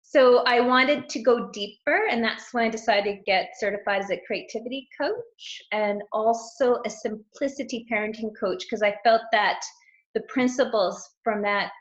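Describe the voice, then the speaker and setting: A woman's voice: fairly high pitch, normal speed. A middle-aged woman, a guest coach, chatting casually in an interview, rambling and laughing often. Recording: roomy, dull lo-fi sound.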